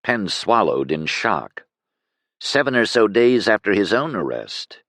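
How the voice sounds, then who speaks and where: Deep, lively male audiobook narrator. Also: a little slow, dry recording. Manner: expressive storytelling with lively pitch swings. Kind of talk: scripted fantasy narration.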